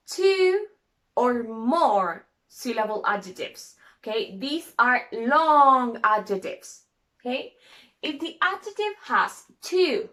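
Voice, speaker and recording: A woman's voice: fairly high pitch, a bit bright. A woman teaching an English grammar lesson, spelling out letters one at a time and checking in with "okay?" after nearly every phrase.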